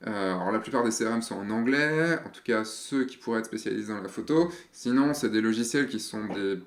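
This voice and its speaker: A man's voice: fairly low pitch, fairly quick, echoey room. A man in his thirties hosting a casual explainer video for photographers, chatty, with lots of fillers and restarts.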